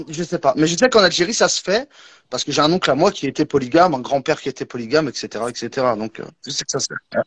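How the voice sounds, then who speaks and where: Guy explaining stuff, lots of euh, a bit high. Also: expressive, fast talker, slightly rough. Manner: hesitant, many fillers. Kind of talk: casual chat.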